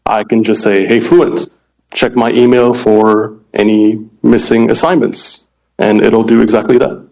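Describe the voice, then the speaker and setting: A man's voice: on the low side, level tone, a little slow, creaky, a little mellow, rough recording. A man in his twenties from Indonesia, a startup founder explaining his product earnestly in an interview. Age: 20s. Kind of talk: interview answers.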